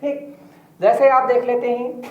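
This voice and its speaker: A woman teacher giving a grammar lesson, repeating examples slowly and asking the class questions. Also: on the high side, flat delivery. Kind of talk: online Hindi grammar lesson. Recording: tinny phone-like audio in an echoey room.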